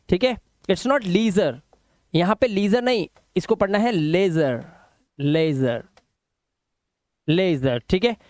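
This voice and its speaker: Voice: mid-range voice, dry recording. English teacher, pronunciation lesson, drills example words, stretched vowels, asks the class questions, dry close recording. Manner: stretches vowels slowly when modelling words.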